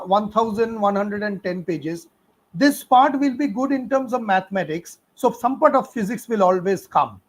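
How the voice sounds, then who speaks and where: A middle-aged Indian man with a husky, high-pitched voice teaches physics on a live stream. He answers students' questions chattily, full of fillers and laughter, offering warm, fatherly encouragement in Indian English.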